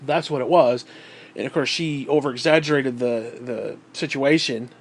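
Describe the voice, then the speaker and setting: Talking into a tablet, this vlogger delivers a rambling, sour monologue laced with profanity. His nose is stuffed up, giving his medium-pitched voice a nasal sound, and he speaks at a normal pace.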